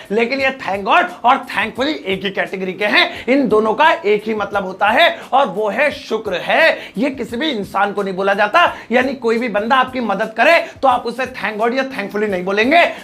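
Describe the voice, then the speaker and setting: High-voiced jokey man teaching English. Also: a bit bright. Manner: jokey, acts out little scenes, stretches example phrases slowly. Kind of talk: spoken English lesson.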